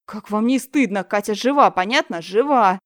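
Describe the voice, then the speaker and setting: A woman's voice: medium pitch, fairly even intonation, a little fast, no echo, clean studio sound, lightly acted. A woman reading an audiobook, voicing a strict young choir teacher who scolds her pupils firmly. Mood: stern. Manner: stern, scolding.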